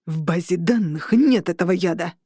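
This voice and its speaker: A panicked man of learning, pushing his words out hard and urgent, his voice a touch lower than the reader's own, as a woman reads him. He sounds pressed for time. The recording is close and dry. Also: moderate pace, warm tone, slightly rough, no echo. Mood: desperate. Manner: urgent, strained. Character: frightened man, a magical scholar.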